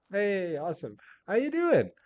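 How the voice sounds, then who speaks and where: A man streaming a game late at night, chatting casually and greeting viewers, his voice pitched up like a chipmunk. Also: darkish tone, highs cut off.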